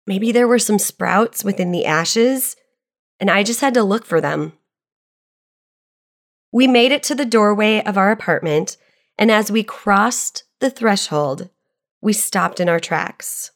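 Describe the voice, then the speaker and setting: A woman reads a devotional reflection in an earnest, measured voice, moving between scripture and her own experience. Her pitch sits in an ordinary middle range, neither high nor low. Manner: earnest, measured, personal storytelling.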